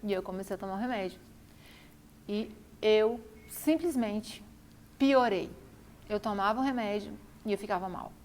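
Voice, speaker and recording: A woman's voice: mid-range voice, moderate pace, darkish tone. A woman telling her own story to camera, repeating phrases for emphasis. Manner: repetitive, emphatic retelling. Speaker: vlogger.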